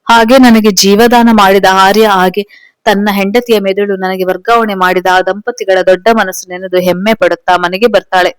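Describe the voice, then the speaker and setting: A woman narrating a family drama story in a steady, plain storytelling manner. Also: mid-range voice, normal speed, smooth, dry recording.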